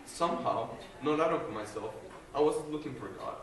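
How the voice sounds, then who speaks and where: Animated and on the high side, a young man from Guatemala speaks at a normal pace, giving an earnest, hesitant faith testimony as a student, full of fillers and restarts. The sound comes from a distant recorder with no mic in a large, echoey room with an audience, with slight background noise.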